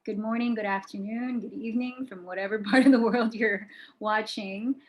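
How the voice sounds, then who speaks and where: A woman speaks as the host of a casual online interview. Her voice is a bit higher than average. She phrases things conversationally as she introduces and questions her guest. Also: fairly even intonation, moderate pace. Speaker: interviewer, yoga community host.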